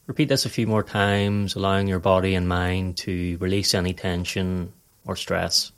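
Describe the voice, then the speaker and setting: Composed and even-handed, a man guides listeners through a meditation in a low-pitched voice. The narration is scripted and delivered calmly at a measured pace.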